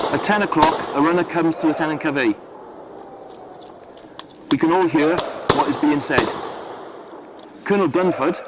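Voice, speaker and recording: A man, a living historian, retelling a battle in the first person as a soldier, in a measured, earnest way. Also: on the high side, very noisy.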